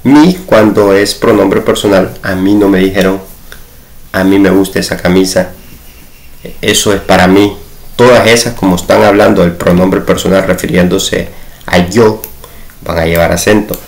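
A man explains grammar in a patient, steady way and slows down to repeat his examples. His voice is very low and gravelly. The room around him sounds echoey. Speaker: teacher. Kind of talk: spoken grammar lesson.

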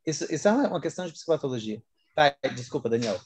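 A man jumping into a casual discussion with quick remarks and restarts. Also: a little high, big pitch swings, slightly rough.

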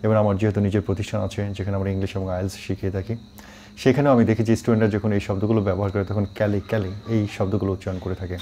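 Low, mellow-voiced man teaching English. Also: fairly even intonation, slight background noise. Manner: explains slowly, spelling out words and mixing in English. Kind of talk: online pronunciation lesson.

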